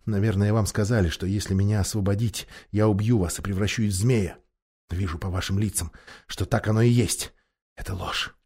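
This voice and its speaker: A man's voice: on the high side, moderate pace, mellow, natural voice. A man doing a desperate enchanted knight. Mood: pleading quiet. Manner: pleading, urgent. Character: desperate bound young knight under a spell.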